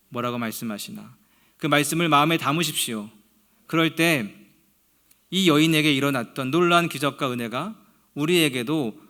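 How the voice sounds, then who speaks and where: A male pastor delivers a sermon in a voice pitched a little above the usual for a man. He preaches earnestly and slows down whenever he reads scripture aloud. He often lets the end of a phrase sink into a hushed, low tone.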